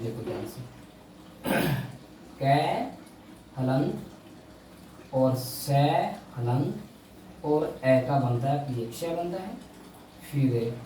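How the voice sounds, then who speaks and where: Slow-talking male Hindi teacher. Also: mid-range voice, warm tone, a little hiss or hum. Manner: slow, stressing key words, repeating questions to students. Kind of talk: classroom lesson on a board. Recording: echoey room, mic far away.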